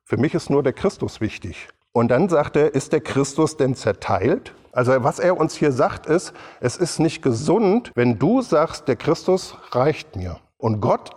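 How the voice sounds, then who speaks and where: A man's voice: on the high side, big pitch swings, a little slow, few pauses, darkish tone, breathy edge. A middle-aged male pastor preaching a sermon in a loose, conversational way, with asides to the congregation. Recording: reverberant hall sound.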